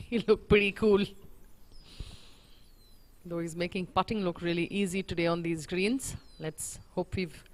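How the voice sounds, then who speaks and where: A woman's voice: lowish voice, steady tone, a little slow, pauses often, a little mellow. A woman giving casual live golf commentary as a co-commentator, with admiring, supportive remarks.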